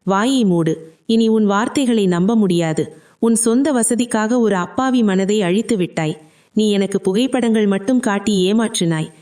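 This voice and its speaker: A woman reading as a stern husband who has been betrayed, harsh and accusing toward his wife. The voice is mellow and warm. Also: medium pitch, normal speed, lightly acted. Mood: furious.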